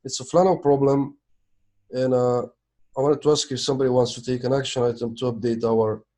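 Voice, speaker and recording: A man's voice: mid-range voice, flat delivery, a little fast, mellow. A man talking casually on a video call during a technical meeting, thinking aloud as he checks documents. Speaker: project maintainer in a video meeting.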